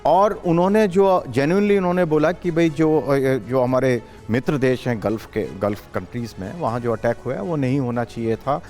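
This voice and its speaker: A man commenting as a guest analyst on a live news show, talking in a halting way with many hesitations and restarts. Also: mid-range voice, a little mellow, faint music behind.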